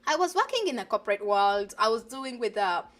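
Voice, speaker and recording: A woman from Uganda speaks in a somewhat high voice. She is an earnest, lively guest in a live online chat, heard through a video call. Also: brisk. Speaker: guest, digital business coach.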